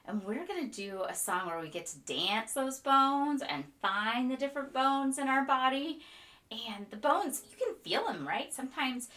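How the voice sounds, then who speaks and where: A woman leading a children's storytime, reading a picture book aloud in a gentle, expressive way and asking the little listeners playful questions. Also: sits high, moderate pace.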